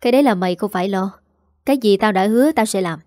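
A woman's voice: mid-range voice, fast, darkish tone, no echo, clean studio sound, natural voice. A woman voicing a frustrated young man who argues defensively with his family. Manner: defensive, irritable. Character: frustrated young husband and son.

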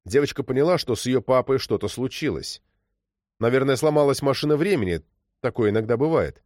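A man reading a story aloud as narrator, expressive and storytelling. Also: medium pitch, fairly quick, no room sound, clean studio sound. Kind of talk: audiobook reading.

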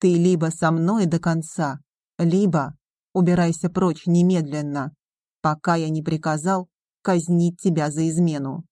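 A woman reading the part of a proud, imperious young conqueror-king, slow and stern. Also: deep voice, fairly even intonation, dark tone, no room sound, studio quality.

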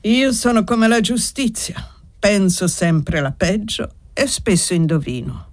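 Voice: medium pitch, a little slow, natural voice. A reader voicing don Simone, a wry, smiling old nobleman who is easily irritated, in an audiobook reading.

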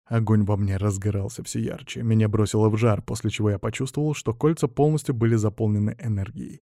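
A man narrating a first-person fantasy audiobook in a steady, even storytelling manner. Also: lowish voice, fast, creaky, dry recording, studio quality.

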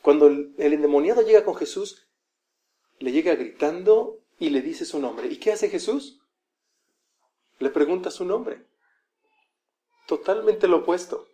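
Male preacher, mellow tone, conversational sermon delivery. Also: on the high side, lively intonation, a little slow, long pauses. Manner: conversational, acts out quoted voices.

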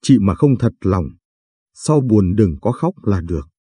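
A man voicing a mischievous teenage boy teasing his older sister in an audio story, playful and teasing, with a dark, husky voice. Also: on the low side, animated, measured pace, no room sound, studio quality. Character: cheeky teenage boy, mischievous little brother.

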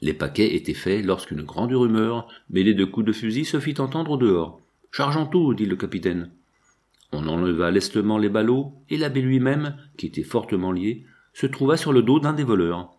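A male narrator reads a classic novel aloud for an audiobook. His voice sits fairly low, and he tells the story at a steady, measured pace.

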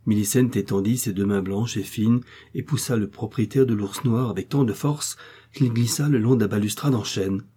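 A man reading a classic novel aloud as an audiobook narrator, in a measured, even way. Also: fairly low pitch, slight background noise. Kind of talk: scripted narration.

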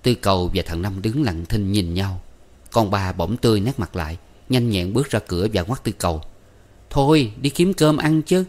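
A man narrating a story in a steady, plain storytelling manner. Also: low voice, fairly quick.

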